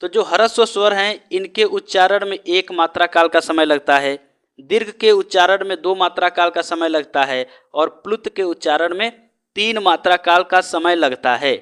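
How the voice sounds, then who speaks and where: A man's voice: high-pitched, moderate pace, fairly bright tone, clean tone. A man teaching an exam-prep lesson, who asks rhetorical questions and answers them himself and keeps checking in with his students. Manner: stretches out the sounds he teaches.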